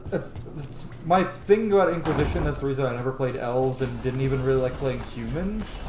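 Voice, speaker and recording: Talking a little fast at medium pitch, a man casually narrates his video game stream, wandering off topic, cursing, and poking fun at himself. The recording has an echoey room sound with audible background noise.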